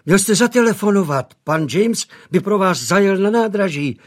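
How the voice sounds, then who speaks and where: A man's voice: high-pitched, expressive, voice pushed up. A man doing an eager chattering housemaid. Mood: fussing. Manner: fussing, talkative.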